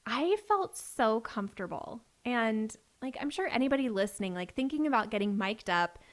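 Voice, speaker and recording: Her voice is fairly high and animated, at a normal speed, as this podcast host and business coach in her thirties talks casually with a guest. She's chatty and leans on frequent "like" fillers.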